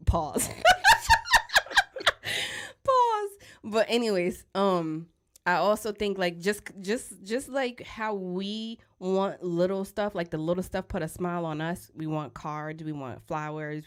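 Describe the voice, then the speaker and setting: A woman in her thirties with a fairly low voice talks into a studio mic. She is blunt and outspoken, jokes through her points and breaks into loud laughter. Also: steady tone, measured pace, smooth. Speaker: podcast co-host. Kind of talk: casual chat. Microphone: studio microphone.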